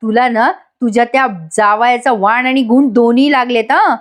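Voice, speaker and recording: A woman's voice: fairly high pitch, steady tone, normal speed, natural voice. A woman voicing a stern, boastful middle-aged father in a soap recap. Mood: defiant.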